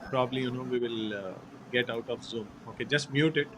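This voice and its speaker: A man hosting a live online session, talking in a halting way with many fillers. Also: mid-range voice, noisy background.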